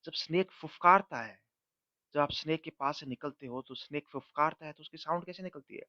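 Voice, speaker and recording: A man, a Hindi-speaking English professor with an Indian accent, lecturing students, reading example lines slowly and imitating their sounds aloud. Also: a little high, pushed and bright, no echo, lo-fi sound. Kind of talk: recorded college lecture.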